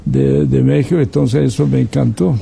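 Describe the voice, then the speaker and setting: Older Serbian man, gravelly dark voice. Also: mid-range voice, steady tone. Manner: halting speech with many fillers and restarts. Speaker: interview guest. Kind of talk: conversational interview.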